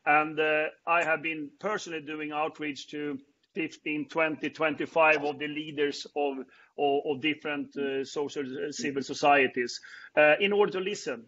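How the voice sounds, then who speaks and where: A middle-aged man with a Swedish accent, hosting a panel on a video call and speaking haltingly with many fillers and restarts. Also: a little high, fairly even intonation, pushed and bright. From Sweden. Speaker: panel host. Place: indoors before a branded backdrop. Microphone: earbuds on a video call. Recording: dull lo-fi video-call audio.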